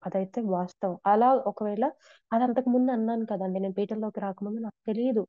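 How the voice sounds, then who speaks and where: A woman's voice: mid-range voice, no echo. Earnest devout woman, dry dull sound. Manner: earnest, devout, with frequent restarts. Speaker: devotee sharing experiences. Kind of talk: conversational testimony.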